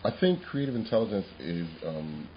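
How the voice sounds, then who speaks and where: A man co-hosting a casual podcast chat, animated and laughing often, restarting his sentences as he goes. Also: lowish voice, moderate pace, muffled recording, slight background noise. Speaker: podcast co-host.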